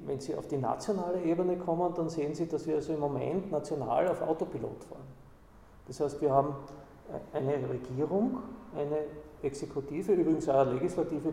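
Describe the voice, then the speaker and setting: A man talks in a gravelly, slightly high voice that wanders from point to point, often tagging his remarks with a questioning "Ja?". He sounds a little distant in a hall with a long echo. A faint room ambience sits behind him. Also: warm tone, a little hiss or hum. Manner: discursive, tags points with "Ja?".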